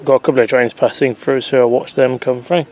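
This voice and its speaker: A man's voice: mid-range voice, flat delivery, fairly quick, darkish tone. A man chatting casually to his handheld camera while out walking and waiting at a rail station, rambling and correcting himself as he goes. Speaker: travel vlogger. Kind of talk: casual walking vlog commentary. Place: outdoors in countryside and on a rail platform. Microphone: handheld camera mic. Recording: faint outdoor background noise.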